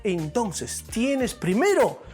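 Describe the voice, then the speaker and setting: A man's voice: high voice, very animated, takes it slowly, darkish tone, soft background music. A man teaching a lesson, asking questions and answering them himself. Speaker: language teacher. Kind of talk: classroom lesson on linguistics.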